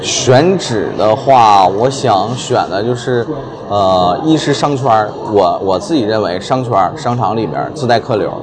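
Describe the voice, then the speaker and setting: A man's voice: lowish voice, expressive, moderate pace. Hesitant male shop owner amid crowd chatter. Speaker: milk tea shop owner being interviewed. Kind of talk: casual interview answers. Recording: busy crowd chatter behind.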